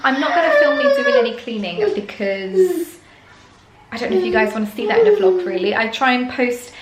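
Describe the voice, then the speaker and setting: A woman's voice: sits high, sing-song, brisk, heavy background noise. Chatty young woman vlogging. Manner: chatty, frequent ums and likes. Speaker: lifestyle vlogger. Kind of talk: casual home vlog chat. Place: at home.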